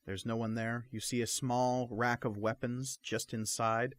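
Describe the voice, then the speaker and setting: A man narrating a tabletop game as game master, with measured, descriptive delivery. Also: mid-range voice, flat delivery, no room sound.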